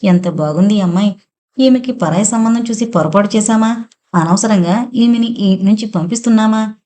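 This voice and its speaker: A woman voicing an older matriarch who consoles a tearful young woman with fond, gentle scolding. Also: mid-range voice, normal speed, close to an everyday voice. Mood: regretful. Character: older matriarch of the house, kindly but regretful.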